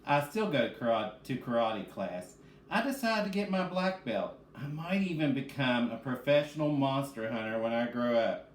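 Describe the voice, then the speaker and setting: The speaker is a man teaching reading to children, his medium-pitched voice expressive and at normal speed. Addressing the kids directly, he asks questions and supplies the answers himself. Faint background noise and echo fill the room.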